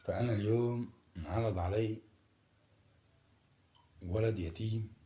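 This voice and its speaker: A man talking evasively and coaxing his wife to calm down. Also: lowish voice, measured pace, roomy sound. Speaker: husband pulling a prank. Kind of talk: prank conversation.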